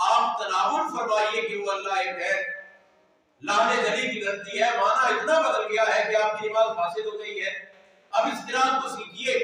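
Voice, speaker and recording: A man's voice: high voice, recorded from a distance, a little hiss or hum. Man preaching in an echoey hall. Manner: emphatic, rising to shouts and drawn-out sung phrases. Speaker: Islamic scholar preaching. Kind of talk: sermon on prayer rules.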